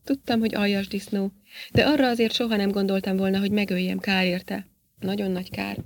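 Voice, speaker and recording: A woman's voice: medium pitch, flat delivery, close to an everyday voice. A woman voicing a smug, scheming male professor who lectures in a self-satisfied way, read in an audiobook. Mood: shaken. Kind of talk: audiobook character reading.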